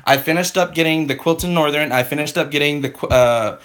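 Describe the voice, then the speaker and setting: Rambling, exasperated man with a higher voice. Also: fairly quick, a bit bright. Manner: rambling and exasperated, full of "I'm like" and restarts. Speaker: couponing live streamer. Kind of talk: casual storytelling on a live stream.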